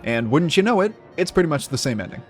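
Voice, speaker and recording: A man's voice: a little high, very animated, quick pace, slightly rough, faint music behind. A young man narrating a scripted video game review in a wry, sarcastic way.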